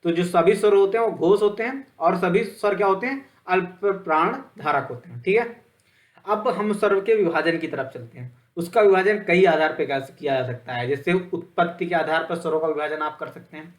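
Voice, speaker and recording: A man's voice: sits high, normal speed. A male teacher giving a Hindi grammar lecture, asking questions and answering them himself. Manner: plain, steady explaining with frequent fillers.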